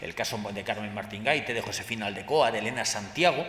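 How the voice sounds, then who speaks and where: A man's voice: on the low side, quick pace, a bit bright. A man moderating a panel discussion, hesitant and full of fillers and restarts, in a large hall. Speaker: moderator of a round table. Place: large hall at a book fair. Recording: roomy hall with long reverb.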